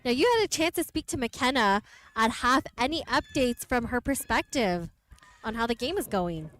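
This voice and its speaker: A woman's voice: on the high side, animated, normal speed, a bit bright. A woman doing bilingual play-by-play commentary outdoors, switching between English and French. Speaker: sports commentator. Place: outdoors at a windy field. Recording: light wind noise.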